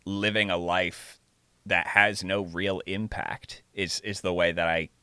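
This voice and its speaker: A man co-hosting a casual film talk show, speaking in slow, reflective, drawn-out phrases. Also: deep voice, steady tone, bright, forceful tone, clean tone, dry recording. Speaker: podcast co-host.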